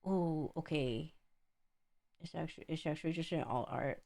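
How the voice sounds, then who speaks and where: A woman livestream host chatting casually with viewers in a playful, campy, slangy and very expressive way. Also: low voice, moderate pace, creaky. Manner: expressive, exclaiming and drawing out words. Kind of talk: casual livestream chat while opening card packs.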